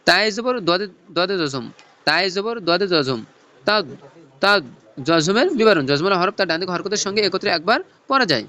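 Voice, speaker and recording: A Bangladeshi man with a high, animated voice that sounds pushed and bright teaches Noorani Quran reading. In a slow teaching chant, he spells out letters and explains tajweed rules.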